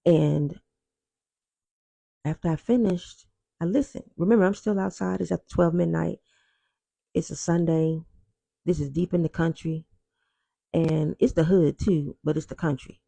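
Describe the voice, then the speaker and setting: A man telling his personal testimony in an earnest, reflective way, often pausing and repeating himself. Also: a little high, steady tone, dark tone, no room sound. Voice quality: gravelly.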